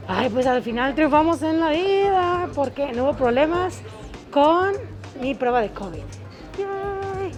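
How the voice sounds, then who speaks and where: Tired, high-voiced Mexican woman vlogging. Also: lively intonation, unhurried, music in the background. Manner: chatty, joking, slangy. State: tired from travel. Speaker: travel vlogger. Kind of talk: casual travel vlog. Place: airports, in transit.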